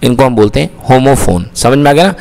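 This man's medium-pitched voice is fast and lively, with vocal fry and a darkish tone. He's giving an English lesson in Hindi blended with English, calling listeners beta and answering his own questions. The recording carries long reverb.

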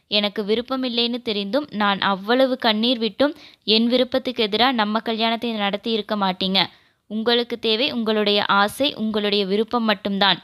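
A woman's voice: a little high, fairly bright tone, smooth, natural voice. A woman reading the part of a hurt young bride who talks back in an indignant, reproachful tone in a romance audio novel.

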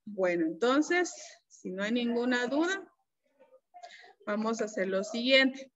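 A woman teacher giving an online class, explaining slowly and patiently and checking often that her students follow. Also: a little high, big pitch swings, fairly bright tone. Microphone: computer mic on a video call. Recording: dull, lo-fi video-call audio.

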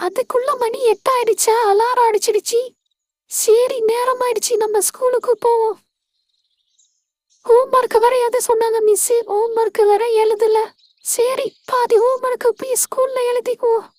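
A tearful little schoolboy. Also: female voice, extremely high pitch, fairly even intonation, normal speed, darkish tone, no echo, clean studio sound. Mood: sleepy, fretful. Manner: tearful, worried. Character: young schoolboy fretting over his fast.

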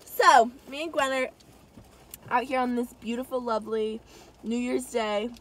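A woman's voice: on the high side, measured pace, a little hiss or hum, rough recording. A young woman chatting casually and giggling as she hosts her vlog. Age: young adult. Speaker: vlogger. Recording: music playing loudly behind.

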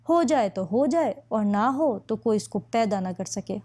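A woman's voice: mid-range voice, animated, unhurried, dark tone. A woman voicing a playful, teasing young woman friend in an audiobook. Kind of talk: audiobook reading.

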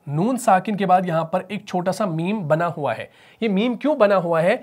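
Pakistani man patiently teaching Quran recitation. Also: high voice. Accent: Pakistani Urdu. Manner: patient explaining, asks and answers own questions, chants verses slowly. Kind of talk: tajweed lesson with recitation.

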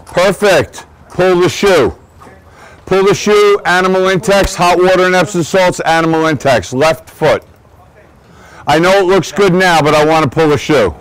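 A man's voice: high voice, moderate pace, poor audio. A man, a racehorse trainer giving a guided barn tour outdoors, chatty and digressive, often restarting his sentences. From Long Island, New York. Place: outdoor horse barn shed row.

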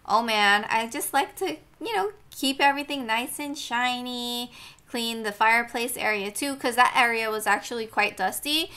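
A woman's voice: fairly high pitch, sharp tone. A young woman vlogger chatting upbeat in a casual voice-over, often laughing as she talks.

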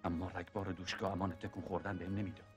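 Deep-voiced actor playing a calm war veteran. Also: male voice, faint music behind, natural voice. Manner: calm, measured storytelling. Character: seasoned male war veteran, steady mentor. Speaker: older soldier in war film.

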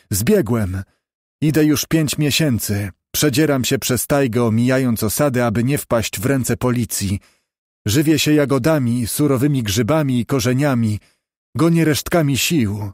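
A man's voice: medium pitch, a little mellow, no room sound, studio quality, lightly acted. A man voicing a starving, broken runaway convict who stammers and pleads, in an audiobook. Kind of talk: audiobook character voice.

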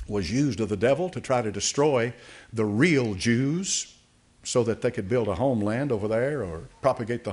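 Older man, pastor, sermon, church sanctuary, podium mic, halting with fillers. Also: medium pitch, a little mellow. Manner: halting, with many fillers and restarts. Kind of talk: sermon, reading aloud and commenting.

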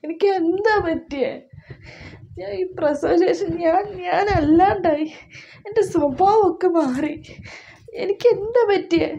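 A woman's voice: high-pitched, warm tone, a little hiss or hum, lightly acted. A woman playing a frazzled young new mother. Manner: halting, pleading, stammering. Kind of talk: comic family skit.

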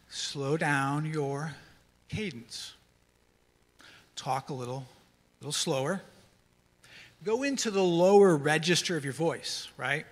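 A middle-aged male counselor talks through his lesson in an easy, conversational way, often tossing in "right?" to keep listeners with him. His voice sits a bit high for a man and comes across bright and energetic. A long reverb trails each phrase through the large church hall. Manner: conversational, tags many lines with "right?". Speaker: counselor giving a church talk. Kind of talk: sermon-style teaching talk.

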